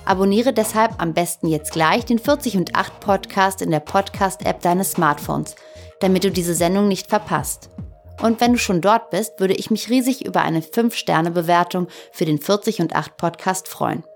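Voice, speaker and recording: A woman with a slightly lower voice reads a prepared script for her podcast. Her delivery is calm and measured. It has a soothing, unhurried evenness. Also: soft background music. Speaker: podcast host. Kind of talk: scripted narration.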